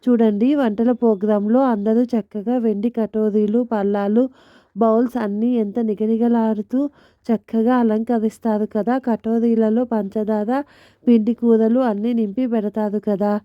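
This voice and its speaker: Woman voicing bossy excited wife, chiding, storybook, narrow even pitch, muffled sound. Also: a little slow, no room sound, natural voice. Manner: chiding, eager. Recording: dull lo-fi dry recording.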